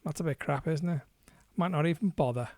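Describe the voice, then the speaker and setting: A man's voice: a little high, brisk, dry recording, studio quality. A man hosting a DJ livestream, chatting casually and swearing now and then between tracks. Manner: laid-back, swears casually, chuckles. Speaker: DJ and livestream host. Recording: music playing loudly underneath.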